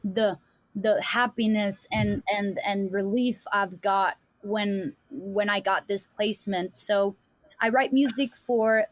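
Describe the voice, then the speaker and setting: A Danish woman with a mid-range voice and a Danish accent speaks slowly and steadily in a dry recording. She's a musician appearing as a podcast guest, chatting casually and rambling with plenty of fillers and restarts.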